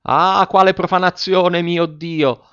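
A man doing a pompous middle-aged woman from a storybook, high and lofty, taking every slight as a grave offense. Her outrage is theatrical and wounded, and the recording is a touch muffled and lo-fi. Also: fairly even intonation, slow, a bit bright, smooth, no echo. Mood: outraged.

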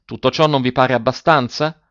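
A man voicing a troubled married nobleman who speaks in a restrained, halting way in a storybook reading. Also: medium pitch, steady tone, a bit bright, dry recording, natural voice. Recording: dull lo-fi audiobook recording.

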